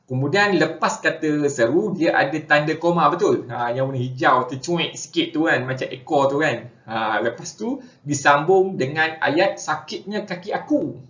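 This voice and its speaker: A young man with a Malaysian Malay accent teaching an online language lesson in a relaxed, chatty way, filling pauses with "ha" and "ya". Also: fairly high pitch. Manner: relaxed, chatty, frequent "ha" and "ya" fillers. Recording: dull echoey room recording.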